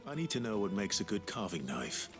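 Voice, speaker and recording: An actor playing a calm, measured warrior hero in a video game. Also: male voice, lowish voice, over music. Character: steady, serious young male warrior hero.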